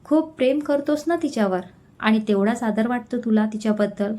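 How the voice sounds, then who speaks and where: A teasing, reassuring young roommate from a storybook reading, read by a woman. He ribs his friend in a light voice, then offers calm advice. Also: on the high side, fairly quick, lightly acted.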